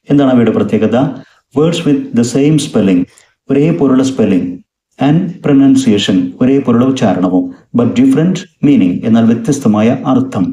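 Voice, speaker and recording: A male English teacher with a Malayali accent gives a recorded lesson. He reads English phrases slowly and then explains them in Malayalam. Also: mid-range voice, dark tone, roomy sound.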